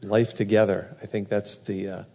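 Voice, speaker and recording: A man with a low voice hosts a church service, making casual announcements. He hesitates often, filling gaps with "uh". His voice rings out with the long echo of a large hall. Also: level tone, moderate pace, gravelly, warm tone. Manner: casual, hesitant, many fillers. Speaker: service host. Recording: echoey hall.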